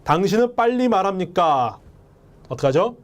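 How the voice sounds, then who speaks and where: A man's voice: high-pitched, big pitch swings, moderate pace. A man teaching an English lesson, emphatic and often speaking straight to his viewers. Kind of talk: lecture.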